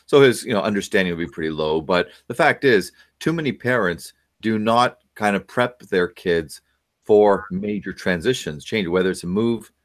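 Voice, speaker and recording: Speaking at a normal speed in a lowish, expressive voice, a middle-aged man offers parenting advice as a guest on a video call. He's in a home office, lecturing, posing many questions, and filling gaps with frequent fillers.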